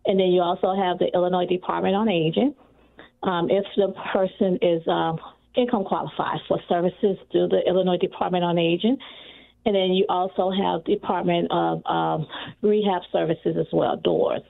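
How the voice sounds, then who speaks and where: A woman who works as a community service provider speaks in a panel discussion over a video call. Her audio glitches and breaks up, and she lists resources in a measured way with some fillers. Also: fairly low pitch, steady tone, gravelly. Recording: tinny video-call line.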